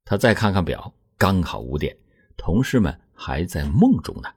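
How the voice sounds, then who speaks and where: A man's voice: sits low, very animated, normal speed, a little mellow, breathy edge. A man telling a true-crime story in a dramatic, vivid way.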